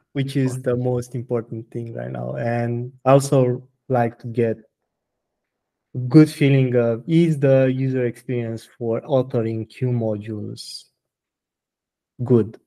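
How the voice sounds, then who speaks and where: A man interviewed as a guest about his software project, speaking hesitantly with frequent restarts, then answering bluntly. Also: mid-range voice, fairly even intonation, takes it slowly. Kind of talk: technical interview.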